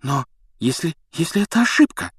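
A man voicing an anxious, clever teenage girl in a shrill, panicky voice. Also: sing-song, moderate pace, a bit bright, slightly rough, no room sound, clean studio sound, full character voice. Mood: frightened.

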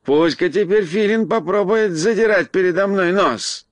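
A man voicing a good-natured, naive talking bear skin who gushes with eager, drawn-out exclamations. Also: high voice, no room sound, voice pushed up, close to an everyday voice. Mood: delighted.

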